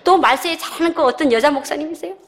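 A middle-aged woman shares her church testimony in a slightly high voice. She tells her story with animated energy, acting out other people's voices and laughing along the way. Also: fast. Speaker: church member giving testimony. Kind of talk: personal testimony.

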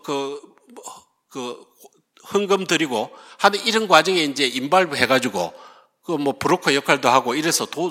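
A man giving a history lecture as lively storytelling, now and then acting out what people said. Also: on the high side, in a large hall. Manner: lively storytelling, acts out quoted speakers.

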